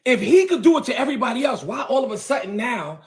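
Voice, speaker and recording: A man's voice: very high-pitched, big pitch swings, fast. A man, a bishop, ranting confrontationally on his own livestream, repeating himself and calling people out. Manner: confrontational, repetitive, heated. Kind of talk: livestream rant. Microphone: phone or webcam on a livestream.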